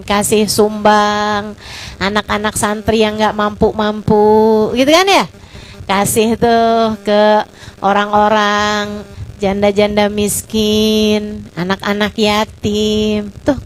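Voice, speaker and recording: A woman religious teacher giving a casual religious lecture, chatty and lively, with colloquial fillers and rhetorical questions. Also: a little high, rough recording. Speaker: Islamic religious teacher (ustazah).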